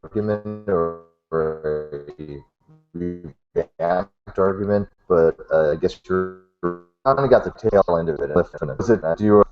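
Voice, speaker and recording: A man hosting a casual debate over an online call, halting and full of restarts, his audio glitching and breaking up. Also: low voice, muffled recording, faint music behind.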